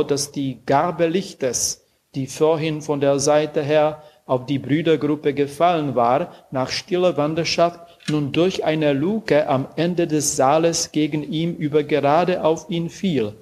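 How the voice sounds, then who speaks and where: Slow, earnest man reading scripture. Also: on the high side, darkish tone. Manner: measured, earnest, with dramatic pauses. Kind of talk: reflective scripture reading and commentary.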